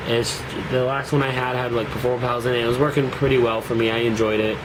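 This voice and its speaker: A young man from the Seattle area, nasal and clearly fighting a cold, rambles casually through a card deck review in a deck profile vlog, full of fillers and restarts. His medium-pitched voice barely moves in pitch, he talks quickly, and there's background noise.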